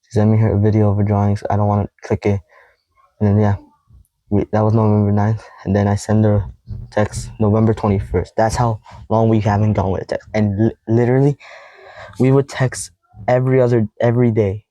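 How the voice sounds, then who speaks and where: Flat, sighing young man vlogging. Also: lowish voice, no echo, lo-fi sound. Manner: rambling, halting, with heavy sighs; quoting text messages in a flat tone. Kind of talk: casual recounting to camera.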